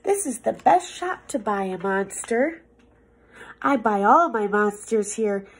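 A young adult woman reads a picture book aloud to children in a small indoor office room, acting like a teacher. Her mid-range voice has a breathy edge. The read-aloud is animated, theatrical, expressive and playful, with drawn-out words and hushed asides.

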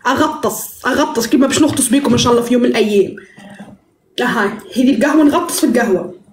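High, playful Tunisian woman streamer. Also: rapid-fire, roomy sound, slight background noise. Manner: playful, teasing, mixes in broken English. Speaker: live streamer. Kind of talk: casual live-stream chat while baking.

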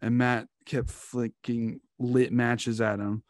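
A man in his twenties hosting a podcast, telling stories in casual chat with lots of swearing and animated delivery. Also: medium pitch, slow pace, dry recording, studio quality. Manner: profane, animated storytelling. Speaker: podcast host.

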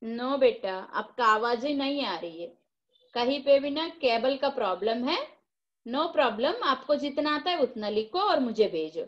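Indian woman teacher on a video call, high voice, slow patient dictation, dull lo-fi audio. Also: expressive. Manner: coaxing, slow dictation mixing Hindi and English. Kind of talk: online class for young children.

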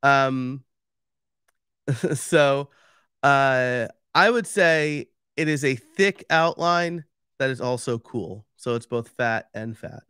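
A man's voice: mid-range voice, slow pace, sharp tone, clear, resonant tone, no room sound, clean studio sound. A man with a New York accent giving a casual, chatty livestream talk and explaining step by step with many fillers. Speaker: podcast expert giving a live stream talk.

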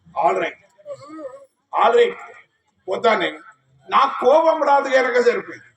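A man doing live stage comedy, boastful and bantering, his high voice rough and gravelly. He sounds distant through an echoey outdoor sound system, with a loud crowd all around. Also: big pitch swings, slow pace. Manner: boastful, bantering, often shouting. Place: outdoor temple festival stage.

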